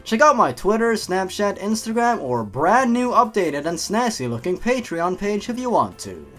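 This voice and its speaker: Male host for a comedic story reading: high and animated, sarcastic, with faint music behind. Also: normal speed. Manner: sarcastic, mocking asides. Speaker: YouTube host. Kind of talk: comedic creepypasta reading with commentary.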